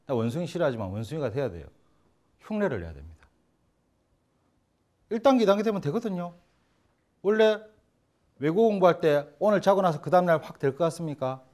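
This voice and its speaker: Man, language instructor, lively classroom lecture, swooping pitch, fairly high voice. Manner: animated, acts out examples in funny voices, blunt and joking.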